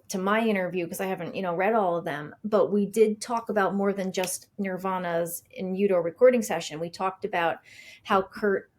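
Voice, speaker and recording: A middle-aged woman talking as a guest on a podcast, her voice sitting at an ordinary pitch for a woman. She tells her story in a lively, conversational way and acts out what people said to her. She uses plenty of fillers and restarts along the way. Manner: chatty, animated storyteller who acts out quoted dialogue.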